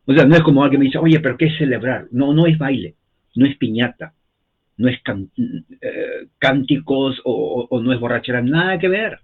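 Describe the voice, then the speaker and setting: Over a tinny, phone-like line, a US-based man who teaches history speaks at normal speed with a medium-pitched, slightly rough voice. He keeps the lesson casual, repeating himself often and checking in with the people listening.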